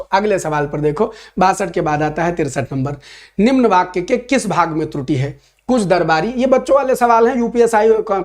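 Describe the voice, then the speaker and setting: A man teaching a Hindi grammar class for an exam, lively and playful, reading out comments and answering them. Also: high voice. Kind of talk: online exam-prep class.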